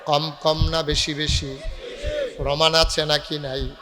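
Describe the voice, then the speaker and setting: A man's voice: fairly high pitch, level tone, slow, long reverb tail. A man from Bangladesh preaching a waz sermon. He banters with the crowd and moves into sung, chanted phrases that call for responses. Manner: breaks into sung, chanted delivery and rouses the crowd to call back; banters with the audience and gives directions to the crowd. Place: large night gathering.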